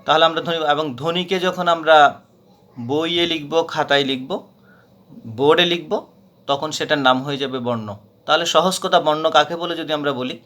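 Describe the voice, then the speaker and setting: A man's voice: fairly high pitch, fairly bright tone. A man teaching a grammar lesson, patiently repeating points with frequent hesitations. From Bangladesh.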